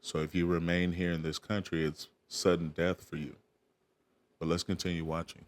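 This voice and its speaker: A man's voice: sits low, little pitch movement, moderate pace. A man preaching, reading archaic scripture verses aloud and breaking in with short asides to his listeners. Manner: reads archaic verses, tags asides with "all right?".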